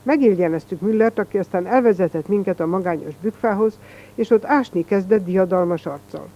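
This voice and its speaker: A reader narrating a first-person story in a plain, even storytelling manner. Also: medium pitch, lo-fi sound.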